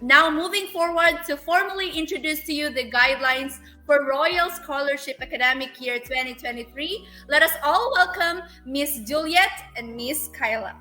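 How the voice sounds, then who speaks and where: High, bright woman host in echoey room. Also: moderate pace, few pauses, faint music behind. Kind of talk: event hosting. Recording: roomy, echoey online audio.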